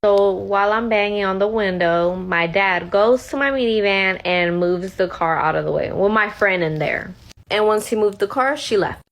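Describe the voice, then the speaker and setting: A woman's voice: mid-range voice, moderate pace, a bit bright. A woman in her twenties recounts a personal story in a casual vlog style. She tells it in a heated, candid way, swears freely and acts out the quoted dialogue along the way. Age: 20s. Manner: candid, heated retelling with frequent profanity. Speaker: storytime creator.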